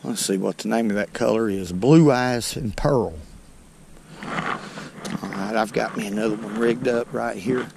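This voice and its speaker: Over a noisy background, a middle-aged man with a lowish, creaky voice and a North Alabama Southern accent gives casual fishing commentary from a small boat on a lake. The channel host's manner is folksy and unhurried, and he addresses viewers as "folks." He's recorded on a head-mounted action camera.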